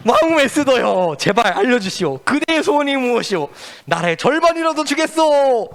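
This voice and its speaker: A man's voice: big pitch swings, moderate pace, full character voice. A man voicing a commanding ancient king who speaks in grand, old-fashioned royal phrases in a children's Bible story. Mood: pleading. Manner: grand archaic royal speech, pitched up. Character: commanding ancient king, generous then furious.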